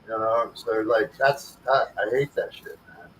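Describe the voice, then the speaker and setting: A man's voice: on the low side, fairly even intonation, unhurried, a bit bright, a little hiss or hum, poor audio. A man talking casually on his livestream, blunt and frustrated, swearing heavily. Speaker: livestream host.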